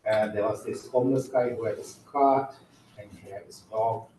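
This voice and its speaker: A man's voice: on the low side, fairly even intonation, moderate pace, mellow, a little hiss or hum. A man from Malaysia introduces himself to a public board in an easy, chatty way, with touches of self-deprecating humor. His voice carries a heavy echo, and the mic sits well away from him. Faint room ambience hangs underneath. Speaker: county medical director of behavioral health. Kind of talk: informal introductory remarks at a public board meeting. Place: county board meeting room. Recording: echoey meeting room, mic at a distance.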